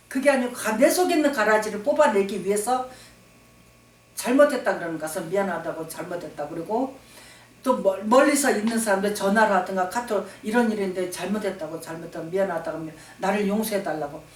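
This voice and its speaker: A woman pastor preaching emphatically, repeating phrases for stress and calling for amens. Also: on the high side. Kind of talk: sermon. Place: church sanctuary. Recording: echoey hall, distant mic.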